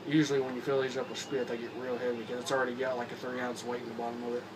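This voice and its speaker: A vlogger from Kentucky talks casually to the camera in a flat, mid-range voice with a Southern accent, slightly hoarse from a cold. He rambles and halts, repeating himself and using fillers. The phone or camera mic sits at a distance and picks up background noise.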